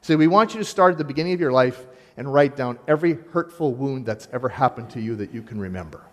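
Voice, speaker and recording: A man preaching a sermon as pastor, animated and speaking straight to his congregation, acting out the voices he quotes. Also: mid-range voice, fast. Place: church sanctuary. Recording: long hall reverb.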